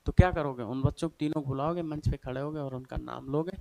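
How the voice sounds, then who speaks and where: A man's voice: medium pitch, fast, creaky, a little mellow, no room sound. A male teacher giving a chatty exam-prep lesson, asking and answering his own questions and checking in with his students over and over. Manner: chatty, repeats "theek hai" and "bhai sahab" often.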